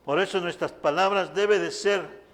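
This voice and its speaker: A man preaches with emphasis, his voice sitting high for a man. He keeps turning to the congregation and calling out to them. A long reverb from the church hall trails after each phrase. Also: fairly even intonation, normal speed, a bit bright. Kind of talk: sermon.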